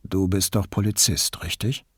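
A man reading an audiobook, voicing a reserved, evasive older beekeeper in a lower, quiet, guarded tone. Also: steady tone, normal speed, husky, no room sound, studio quality. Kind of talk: audiobook character voice.

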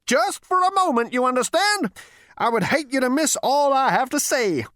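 A rasping, high, sing-song old male ghost out of a storybook, stern and tired of the living, as a woman reading aloud puts him on. The pitch climbs and swoops as he lectures. The sound is close and dry. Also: expressive, moderate pace, fairly bright tone, dry recording. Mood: lecturing. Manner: lecturing, commanding. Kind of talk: audiobook character voice.

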